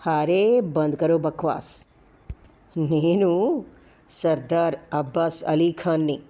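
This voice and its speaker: A woman's voice: sits low, slow pace, mellow. A woman voicing a menacing male gold smuggler who taunts and orders people around. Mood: taunting. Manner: taunting, commanding.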